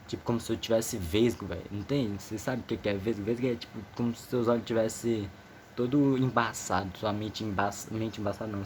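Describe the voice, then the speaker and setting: A man's voice: medium pitch, a little hiss or hum. Nervous teen boy. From Amazonas, northern Brazil. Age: teenager, 15. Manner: slangy, rambling, many restarts. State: a bit nervous. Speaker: vlogger. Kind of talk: casual personal storytelling.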